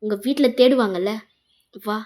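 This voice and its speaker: A woman's voice: medium pitch, moderate pace, a little mellow, lightly acted. A woman voicing a young man who keeps apologizing and pleading with his girlfriend in a fan fiction voice-over. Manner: coaxing, apologetic.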